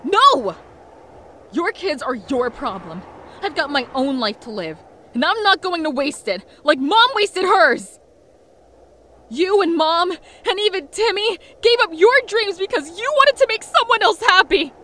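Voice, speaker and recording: A woman's voice: extremely high pitch, very animated, measured pace, a bit bright, heavily acted. A woman voicing Mary Jane, a fiery but guarded young woman, telling her story in a heartfelt, confessional way in a comic dub. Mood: angry. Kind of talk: comic dub narration and dialogue.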